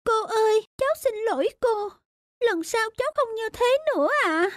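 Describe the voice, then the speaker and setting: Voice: extremely high pitch, animated, normal speed, a bit bright, no room sound, studio quality, pitched above the performer's own voice. Vi, a voice actor doing a polite little cartoon girl. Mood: apologetic. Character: gentle, obedient young girl, dutiful older sister. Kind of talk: children's cartoon voice acting.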